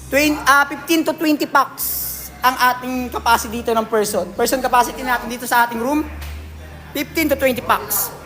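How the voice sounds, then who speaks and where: A man's voice: very high voice, normal speed, sharp tone. A man with a Filipino accent hosting a casual livestream, reading out viewer comments in a jokey, teasing way and laughing often. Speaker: livestream host at a billiards hall.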